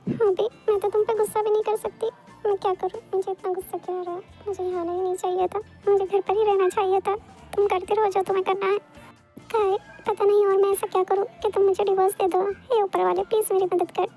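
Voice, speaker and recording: A woman's voice: very high voice, flat delivery, quick pace, dark tone, faint music behind. A woman voicing an exasperated young wife in a Hindi fan dub, muttering to herself.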